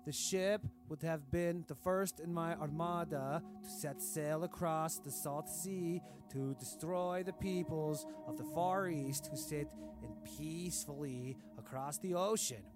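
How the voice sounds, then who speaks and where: A man's voice: on the high side, a little slow, hardly any pauses, close to an everyday voice. An actor playing a cruel, pompous dictator king who speaks in broken, grand formal sentences. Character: cruel pompous self-adoring dictator king, adult man. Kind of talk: comedic audio diary reading. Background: music.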